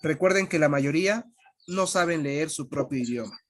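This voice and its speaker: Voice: mid-range voice, moderate pace. A language teacher giving an online lesson, patiently repeating and spelling out sounds.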